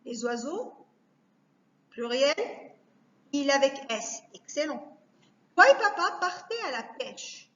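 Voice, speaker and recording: A woman teacher giving a recorded lesson to young children, speaking slowly and carefully, repeating each word to break it down. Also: high-pitched, sing-song, a bit bright. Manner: slow, careful, repeats words to spell them out. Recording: echoey room, dull lo-fi sound.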